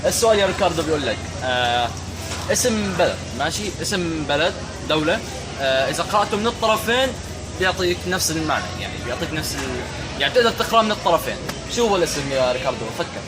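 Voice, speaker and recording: Speaking fast in a slightly high voice with big swings in pitch, a teen vlogger with a Levantine Arabic accent playfully interviews people, repeating their replies and commenting on them. Urban noise from the busy public setting fills the background.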